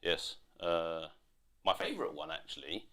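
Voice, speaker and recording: A man's voice: sits low, big pitch swings, a little slow, a crowd in the background. A middle-aged man with a chatty, rambling way of talking, correcting himself as he goes and chatting casually while running a livestream from home. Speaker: father running the livestream tech.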